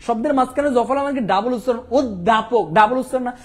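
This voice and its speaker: A young man from Bangladesh with an extremely high-pitched voice teaches a quick exam revision lesson, posing questions and answering them himself.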